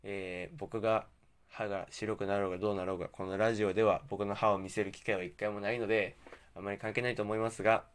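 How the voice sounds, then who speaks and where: A man's voice: lowish voice, flat delivery, fast talker. A man hosting a casual solo radio talk, rambling and correcting himself, with slightly slurred articulation from wearing a mouthguard. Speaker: podcast host.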